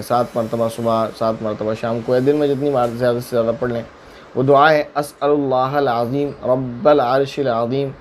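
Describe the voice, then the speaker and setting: A man's voice: medium pitch, darkish tone, slight background noise. Man patiently explaining religious rulings. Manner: patient, explains step by step with worked examples. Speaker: mufti answering viewer questions. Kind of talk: religious Q&A lesson.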